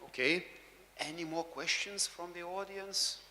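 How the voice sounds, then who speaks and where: A man moderates a conference session, speaking slowly in a higher, bright voice. He is relaxed and a little fumbling, and a hall reverb and faint background noise surround him. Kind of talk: moderating questions.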